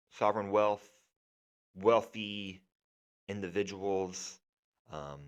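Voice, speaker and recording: Male podcast host, unhurried delivery, low voice, casual with a sarcastic streak. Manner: casual, sarcastic, with fillers and restarts. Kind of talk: solo sports podcast monologue.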